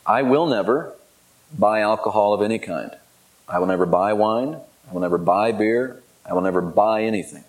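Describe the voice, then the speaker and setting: A middle-aged man preaching a sermon, telling personal stories in a candid, self-deprecating way that gets animated during anecdotes. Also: fairly low pitch, normal speed, rough recording. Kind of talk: sermon storytelling.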